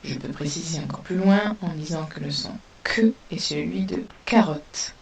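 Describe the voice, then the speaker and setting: A woman teaching a spelling lesson to young pupils, dictating words slowly and sounding out each letter. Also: low voice, vocal fry. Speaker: primary school teacher. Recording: distant mic with faint hiss.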